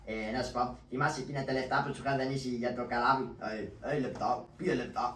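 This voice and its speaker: A man's voice: mid-range voice, steady tone, a bit bright, close to an everyday voice. A man voicing a timid, fretful man who stammers, in a shadow puppet play, recorded with roomy echo from some distance. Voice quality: stammering, hesitant. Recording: roomy echo, far from the mic.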